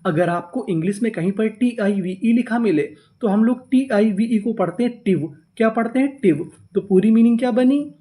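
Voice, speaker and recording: A man teaching a class on reading English words, patiently spelling out letters, asking questions back and repeating each word slowly. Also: high-pitched, warm tone. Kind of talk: step-by-step spoken lesson.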